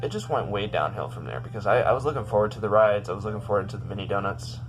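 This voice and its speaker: A young man with a low voice vlogs from his bedroom about a rough day. He rambles and restarts often, sounding upset. Faint music plays underneath. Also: very fast. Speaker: vlogger. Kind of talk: casual storytelling vlog.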